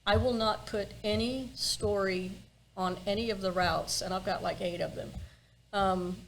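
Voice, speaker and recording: A woman's voice: mid-range voice, steady tone, measured pace, low-quality recording. Wry, emphatic woman over background noise. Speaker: ghost walk tour guide being interviewed. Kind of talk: casual interview chat. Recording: clear background ambient noise.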